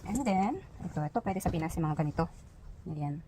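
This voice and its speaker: A woman's voice: low voice, brisk, noisy background. A woman from the Philippines, a vlogger chatting casually as she shows off items one by one, with lots of fillers. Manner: chatty, points out each item with frequent fillers. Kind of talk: casual show-and-tell vlog.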